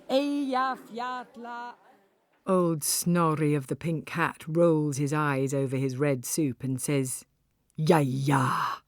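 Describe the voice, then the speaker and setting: A woman with a low voice plays a wry, exuberant Icelandic cafe owner and volcano guide, telling her story in the first person with theatrical, confiding asides. Her delivery is exaggerated, exclaiming and awed, in a dramatised audiobook monologue. The recording is dry, with clean studio sound.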